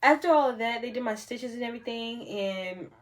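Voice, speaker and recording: A young adult woman vlogger telling a personal story on camera in a casual, chatty, animated way, with frequent "like" fillers. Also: on the high side, fairly quick.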